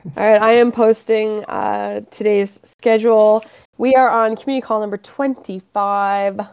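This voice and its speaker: A woman's voice: medium pitch, fairly even intonation, measured pace, a little mellow, clear, resonant tone. A woman hosting a casual online community call, upbeat and playful, speaking into a computer mic.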